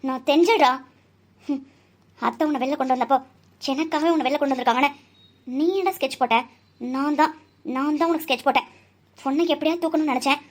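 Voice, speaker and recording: A woman's voice: high voice, fast, pauses often, lightly acted. A woman voicing a fierce young woman doctor who takes revenge in a cartoon, scolding and declaiming with fiery force. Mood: triumphant. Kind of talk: cartoon voice acting.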